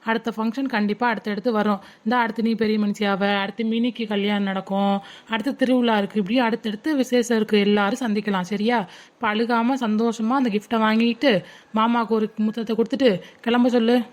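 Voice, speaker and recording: A woman as a calm reassuring aunt. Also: on the high side, quick pace, close to an everyday voice. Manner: reassuring, gently persuasive.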